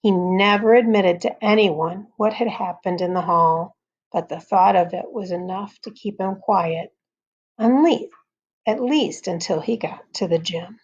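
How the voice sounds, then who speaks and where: A woman teacher reading a chapter book aloud, pausing to comment on the characters. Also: medium pitch, husky, highs cut off. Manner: slow, pauses to comment on the story.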